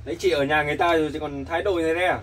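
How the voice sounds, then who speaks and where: A man's voice: on the high side, steady tone, racing, fairly bright tone, recorded from a distance, a little hiss or hum, natural voice, low-quality recording. A man playing a stern police officer who warns a woman to behave. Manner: stern, warning. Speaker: actor in a family skit.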